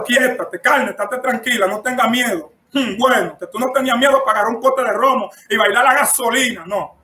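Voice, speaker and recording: Dominican man, preacher, emphatic instruction, frequent amens, high voice, echoey church room. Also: pushed and bright. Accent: Dominican Spanish. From Dominican Republic. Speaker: preacher teaching church etiquette. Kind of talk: instructive preaching to a live-streamed audience.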